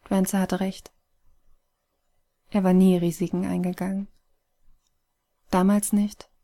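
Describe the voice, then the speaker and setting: Lady reading a story out loud, hushed and breathy, mellow, pretty monotone. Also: mid-range voice, takes it slowly. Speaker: narrator.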